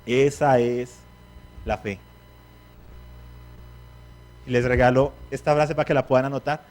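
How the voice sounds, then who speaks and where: A man's voice: medium pitch, steady tone, measured pace, darkish tone. A man preaching a sermon, who asks the congregation questions and acts out the words of biblical figures.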